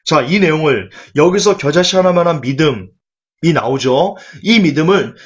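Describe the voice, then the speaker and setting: A man preaching a sermon in an animated, rhetorical way, acting out quoted voices as he goes. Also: fairly high pitch, normal speed. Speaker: pastor. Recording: dull lo-fi recording.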